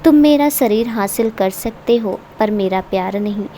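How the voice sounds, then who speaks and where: A woman's voice: medium pitch, normal speed, warm tone, a little hiss or hum, lightly acted. A woman voicing a grieving young widow who speaks in a bitter, accusing way.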